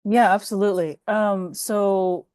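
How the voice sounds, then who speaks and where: A woman's voice: medium pitch, fairly even intonation, unhurried, a little mellow. A woman from the Bay Area of California telling her story as a guest in a virtual panel discussion, reflective and earnest, speaking over a video call.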